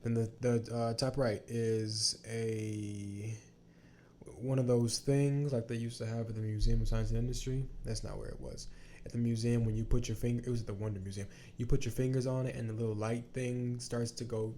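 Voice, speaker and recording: A sleepy man co-hosts a podcast in easygoing chat, rambling and letting his sentences trail off. His voice is mellow and dark, at a middling pitch. A faint hiss runs under the recording. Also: flat delivery, moderate pace. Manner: laid-back, rambling, trails off. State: sleepy, yawning. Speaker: podcast co-host. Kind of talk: casual chat.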